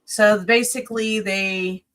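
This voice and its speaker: A woman's voice: mid-range voice, steady tone, takes it slowly, fairly bright tone. A woman co-hosting a podcast in casual chat, rambling through a film plot with many restarts, tired and yawning from recording late at night. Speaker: podcast co-host.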